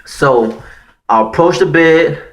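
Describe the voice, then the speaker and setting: Speaking slowly in a fairly high, fairly bright voice, a man from Haiti in his thirties tells his viewers a personal story. He has a Haitian accent and a slangy, profane style, scattering "man" and "you know what I'm saying" throughout.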